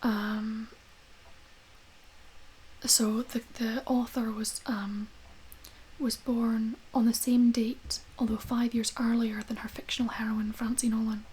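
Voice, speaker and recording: Whispering woman in a soft-spoken role-play. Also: fairly high pitch, level tone, slow, slightly rough, poor audio. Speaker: ASMR creator playing a librarian recommending books.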